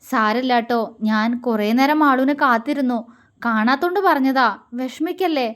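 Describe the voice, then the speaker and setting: A young male lover in an audio romance story, grave and measured in how he questions her, though soft underneath. A woman narrator puts him on, and her voice stays high even in this role. The reading is slow and unhurried. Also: lightly acted. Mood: tender. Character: young man, stern but tender lover.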